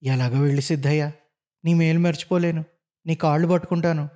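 A man's voice: a little high, steady tone, fairly quick, mellow, natural voice. A man voicing a frightened, desperate father who pleads urgently in a spoken story. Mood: begging.

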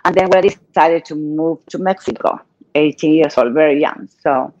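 An older Argentine woman with a Spanish accent tells her story in halting English, her voice sitting fairly low. The sound is dull and dry, with no room around it. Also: dry recording. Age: 60s or older. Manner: lively storyteller, halting non-native English. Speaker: guest. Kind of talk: casual interview chat.

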